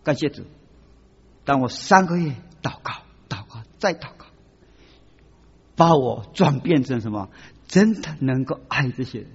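A man preaching a sermon, emphatic and animated, acting out the people he quotes. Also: mid-range voice, unhurried, pauses often, slightly rough. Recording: dull lo-fi recording with long hall reverb.

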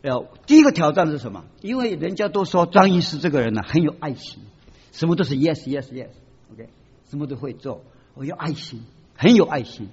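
A man preaching a sermon, emphatic and animated, acting out the people he quotes. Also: fairly high pitch, a little fast, slightly rough. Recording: dull lo-fi recording with long hall reverb.

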